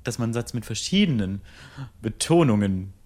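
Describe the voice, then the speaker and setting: A woman co-hosting a casual podcast chat in relaxed, playful banter. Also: rumbling low, a little fast. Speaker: podcast co-host.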